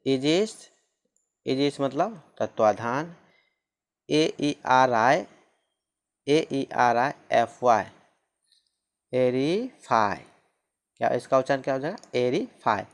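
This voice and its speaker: A male teacher explains pronunciation rules at an unhurried pace. He repeats each rule more than once and spells example words letter by letter. His voice sits at an ordinary middle pitch. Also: lively intonation. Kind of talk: spoken lesson on pronunciation rules.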